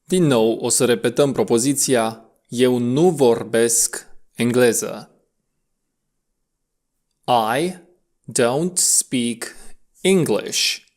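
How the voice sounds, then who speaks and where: Guy teaching english sounds, steady middle voice, brisk instructions then slow careful repeats. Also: mid-range voice. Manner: slow, drawn-out model words between brisk instructions. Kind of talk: audio language lesson.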